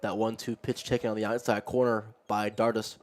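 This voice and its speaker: A man giving live baseball play-by-play, narrating each pitch conversationally as it happens. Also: level tone, brisk, darkish tone. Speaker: play-by-play commentator.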